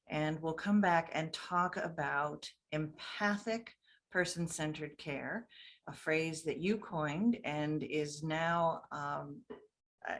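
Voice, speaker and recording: A woman host wrapping up an interview and reading a measured promotional sign-off. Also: low-pitched, a bit bright.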